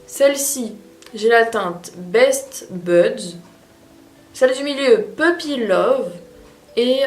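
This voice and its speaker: Chatty woman makeup vlogger, echoey room. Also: mid-range voice. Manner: chatty, rambling, frequent hesitations. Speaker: beauty vlogger. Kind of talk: casual makeup tutorial chat. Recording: echoey room with faint music.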